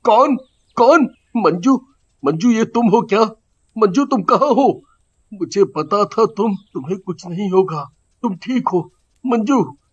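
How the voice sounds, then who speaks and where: A man's voice: high-pitched, animated, slow, husky, heavily acted. A man voicing a young village husband in a cartoon, pleading and tearful in a frantic way. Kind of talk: cartoon voice acting. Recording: muffled lo-fi audio.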